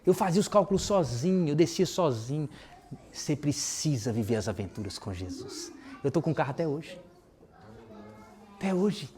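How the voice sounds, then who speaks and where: A man preaching a sermon, telling personal testimonies in a lively way and acting out the dialogue in casual slang. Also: on the high side, normal speed, pauses often.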